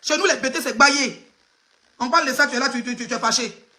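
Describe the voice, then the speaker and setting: High, quick, bright and forceful, the voice belongs to an Ivorian woman who blogs gossip online. She delivers live commentary in Ivorian-accented French, addressing the person she criticizes head-on with emphatic mockery.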